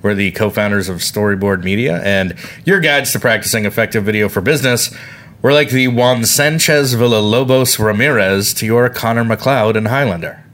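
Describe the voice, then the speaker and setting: A man's voice: fairly low pitch, moderate pace, fairly bright tone. A man co-hosting a podcast in casual chat, talking in a wry, rambling way. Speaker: podcast co-host.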